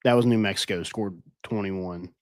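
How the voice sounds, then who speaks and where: Low-voiced man telling stories animatedly. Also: normal speed, no echo. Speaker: podcast co-host. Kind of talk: casual sports chat.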